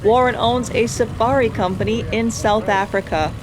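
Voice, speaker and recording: A woman's voice: fairly high pitch, steady tone, moderate pace. A woman host reading scripted documentary narration.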